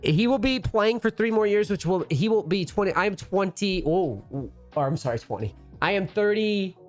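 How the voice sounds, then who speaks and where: A League of Legends coach and streamer in his thirties gives casual, rambling commentary loaded with loose slang and swearing. His voice sits high and sounds expressive at a moderate pace, with soft background music.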